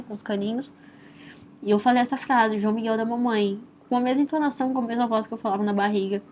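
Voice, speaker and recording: Tender young Brazilian woman telling her story. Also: mid-range voice. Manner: soft, tender and reflective, with frequent "né?" and "assim". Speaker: mother telling her own birth story. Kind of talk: personal testimonial storytelling. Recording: slightly dull recording with faint hiss.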